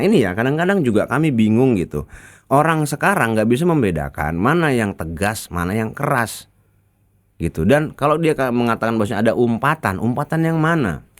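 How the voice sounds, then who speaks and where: A man with a Sundanese accent giving a chatty, colloquial commentary that rebuts a news article. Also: fairly low pitch. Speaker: political commentator.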